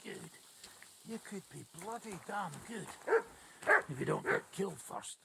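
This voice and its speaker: A gruff, middle-aged sword master in a video game. His voice sits high and bright, with a gravelly edge. It swings widely in pitch as he barks blunt instructions. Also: very animated, unhurried, heavy background noise, heavily acted. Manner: brusque, instructive, swears casually. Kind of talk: game character dialogue.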